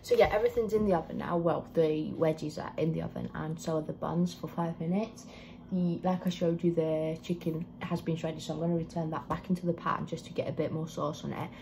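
Talking into a nearby phone camera that keeps moving, this young female cooking vlogger rambles through a casual cook-along. She speaks a little fast in a low, fairly even voice, with plenty of fillers and corrections, over indoor kitchen noise on a rough recording.

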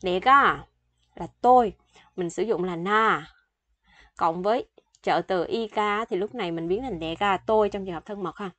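A woman's voice: medium pitch, normal speed, fairly bright tone, no echo. A woman in her thirties teaching a language lesson, patiently explaining and repeating example phrases several times.

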